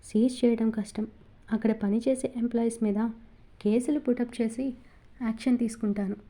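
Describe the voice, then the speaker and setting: A man's voice: very high-pitched, steady tone, normal speed, dark tone. A woman voicing a cautious police superintendent who speaks formally and placatingly.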